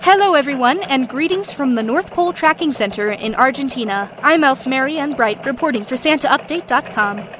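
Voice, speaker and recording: A woman's voice: high voice, lively intonation, fairly quick, hardly any pauses, over music. A woman playing an earnest Christmas elf news reporter, delivering a scripted radio report. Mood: earnest, upbeat.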